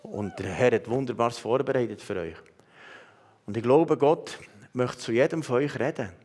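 A man's voice: medium pitch, moderate pace, a little mellow. A man with a Swiss German accent preaching, giving earnest prophetic words straight to people in the congregation, with frequent hesitations. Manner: earnest, addresses listeners directly, many hesitations. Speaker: pastor.

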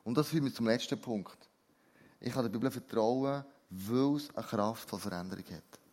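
A man's voice: medium pitch, normal speed. A man preaching a sermon, earnest and putting direct questions to his listeners. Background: soft new-age music.

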